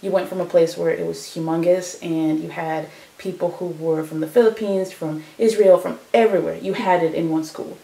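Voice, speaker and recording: A woman's voice: on the low side, steady tone, normal speed, vocal fry, warm tone, echoey room, poor audio. A young woman from Chicago telling her story in a casual oral history interview, full of fillers and quoted dialogue. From Chicago, United States.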